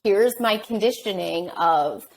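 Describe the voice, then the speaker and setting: A woman's voice: medium pitch, lively intonation, measured pace, gravelly, poor audio. Reassuring woman coaching in conversation. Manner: reflective, reassuring, gently coaching. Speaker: life coach guest. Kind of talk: conversational podcast interview.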